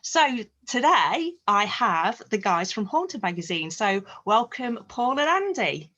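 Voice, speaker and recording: A woman's voice: mid-range voice, big pitch swings, slow, fairly bright tone, dull audio. A woman with a Northern English accent hosting a casual podcast interview over a video call, welcoming and with some restarts. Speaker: podcast host.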